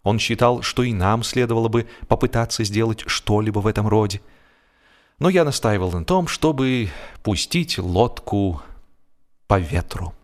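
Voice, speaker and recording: With a lowish voice, a man tells a humorous story in an expressive, theatrical way, using deliberate pauses and stretching out words.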